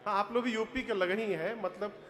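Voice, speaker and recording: A man's voice: high voice, fairly even intonation, moderate pace, a bit bright. A male preacher with an eastern Uttar Pradesh accent tells a devotional story in sermon style, sings verses, and calls on the audience to answer aloud. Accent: eastern Uttar Pradesh (Purvanchal) Hindi. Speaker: Ram katha preacher. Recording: long hall reverb with devotional music behind.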